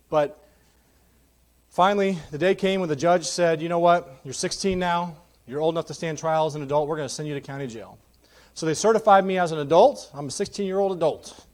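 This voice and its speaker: Animated man telling his testimony from the pulpit. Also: fairly high pitch. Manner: candid, jokey, animated storytelling. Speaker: guest preacher. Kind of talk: testimony sermon. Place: church sanctuary.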